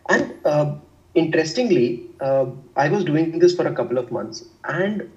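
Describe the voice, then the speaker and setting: A man's voice: fairly high pitch, animated, moderate pace. Muffled, distant young man, North Indian accent. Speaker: interview guest. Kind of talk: conversational discussion of work life.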